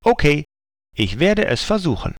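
A man's voice: fairly high pitch, very animated, normal speed, no room sound, clean studio sound. A man voicing a young female elephant who gets upset easily, in a children's storybook reading. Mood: delighted.

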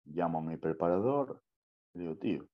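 A man's voice: deep voice, normal speed, lo-fi sound. A young man from Spain with a Spanish accent, a bodybuilder guest telling his story in a casual interview, swearing freely and tagging lines with "tío" and "¿sabes?". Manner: slangy, swears often, keeps saying "tío" and "¿sabes?".

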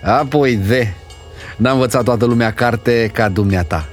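A man voicing a doting, fussy old grandmother who talks in a shrill, scolding, old-fashioned way. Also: soft background music, lightly acted. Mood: indignant.

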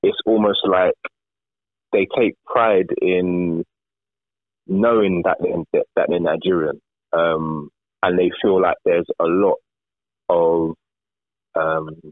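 A man on a podcast, talking in a halting way, repeating words as he thinks. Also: deep voice, fairly even intonation, no room sound. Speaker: podcast co-host. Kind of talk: casual chat. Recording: tinny phone-like remote call.

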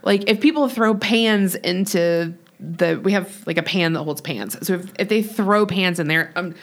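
A woman's voice: fairly low pitch, normal speed. A woman chatting casually as a pastry chef guest, talking freely with plenty of swearing and laughter. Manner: chatty, profane, laughs often. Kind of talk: casual podcast chat.

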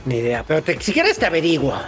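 A man with a Mexican accent hosting a casual podcast chat, animated and full of slang, often talking over the others. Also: fairly high pitch, quick pace, over music. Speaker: podcast host.

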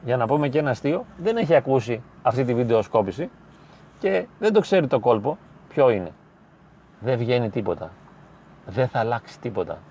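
A man, a psychologist, gives advice straight to the listener in an emphatic, repetitive way, with slow, weighty phrasing. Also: mid-range voice, very animated, a little mellow. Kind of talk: direct-to-camera advice monologue. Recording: slightly dull lo-fi sound with faint street noise.

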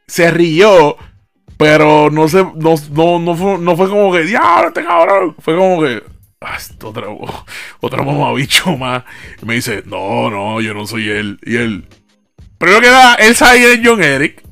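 Puerto rican guy rambling thru a funny story, lots of slang, middle pitch, some music faint in back. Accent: Puerto Rican Spanish. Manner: slangy, animated storyteller who mimics dialogue and laughs. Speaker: podcast host. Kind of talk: casual storytelling monologue.

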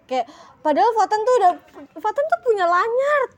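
A woman's voice: very high voice, very animated, normal speed. A young woman co-hosting a casual podcast chat, playful and joking in slangy banter, throwing in mouth sound effects. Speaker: podcast co-host.

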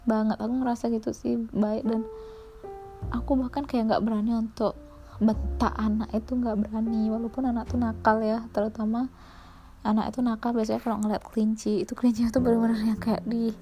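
A woman's voice: fairly high pitch, flat delivery, a little fast, warm tone, soft background music. A young woman casually telling stories about her former daycare job, chatty and full of fillers. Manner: chatty, lots of fillers, mimics others in quotes. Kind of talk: casual storytelling chat.

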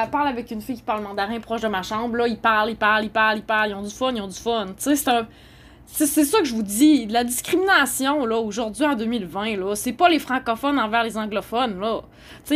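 A woman's voice: on the high side, fairly bright tone. A woman with a Québécois French accent, a journalist speaking in an indignant, rambling monologue full of "là" and "tu sais". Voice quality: heated, indignant rambling with frequent "là". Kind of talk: casual monologue. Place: homeless shelter.

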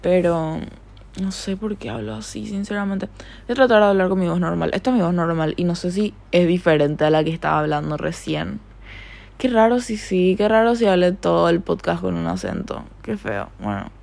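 This creaky, fairly low female voice belongs to a young adult from Paraguay who hosts a solo podcast from her bedroom. She rambles casually and uses many filler words, with a Paraguayan Spanish accent tinged by Argentine tones.

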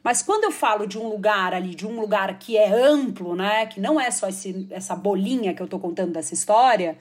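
A Brazilian actress and comedian in an interview, telling stories in a lively way and jumping her pitch up when she quotes other people. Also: fairly quick. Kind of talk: conversational storytelling interview.

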